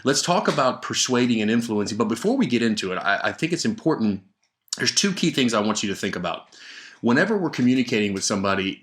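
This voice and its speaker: A man's voice: medium pitch, fairly bright tone. A man hosting a solo sales podcast, speaking into a microphone with emphatic energy, frequent restarts and rhetorical questions. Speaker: podcast host and sales trainer. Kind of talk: solo podcast coaching talk. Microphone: studio microphone.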